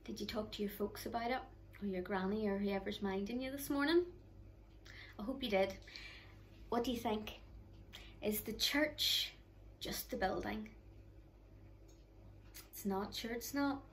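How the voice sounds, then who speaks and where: A middle-aged woman with a Northern Irish accent, leading an online children's church talk from her living room. She speaks to the children directly in a warm, chatty, encouraging way into a close camera. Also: medium pitch, a little slow, pauses often, a little hiss or hum, low-quality recording. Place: living room at home, indoors.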